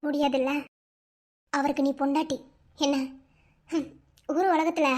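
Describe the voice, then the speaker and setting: A woman voicing a heartbroken young village woman in a cartoon, speaking bitterly and wearily in a Madurai accent. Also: very high voice. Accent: Madurai Tamil. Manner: bitter, resigned, weary. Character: sorrowful young village bride forced into engagement. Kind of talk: cartoon voice acting.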